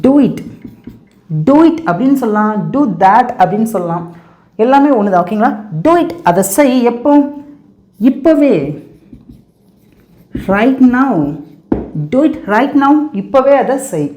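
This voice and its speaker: Woman teaching english, kinda high voice, lots of repeat-after-me drilling, echoey room. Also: animated, a little mellow. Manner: repetitive, drilling with quick questions and answers. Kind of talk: casual teaching in Tamil and English.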